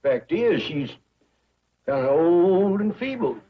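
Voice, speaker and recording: A man playing a blunt, deadpan young hillbilly relative with a drawl, in 1960s sitcom style. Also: high voice, slow pace, exaggerated voice. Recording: dull TV audio with faint music.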